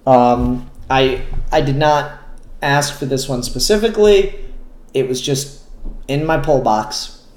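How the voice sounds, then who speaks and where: Recorded in an echoey room, a man who reviews comics hosts an unscripted vlog, rambling candidly and occasionally swearing. He speaks slowly at a medium pitch.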